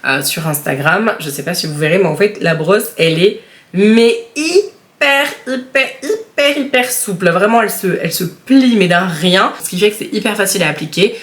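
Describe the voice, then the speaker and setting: A woman beauty vlogger chatting casually while she unboxes products, frank and expressive and speaking straight to her viewers. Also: mid-range voice, normal speed. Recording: echoey home room, faint background noise.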